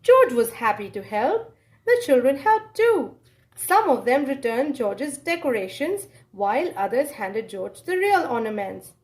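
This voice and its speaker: A woman whose voice sits high reads a children's story with lively, expressive narration, dramatic pauses and frequent exclamations.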